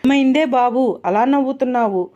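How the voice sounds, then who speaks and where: A woman's voice: high voice, normal speed, mellow, highs cut off, natural voice. A woman reading a storybook voices a teasing, curious young female friend.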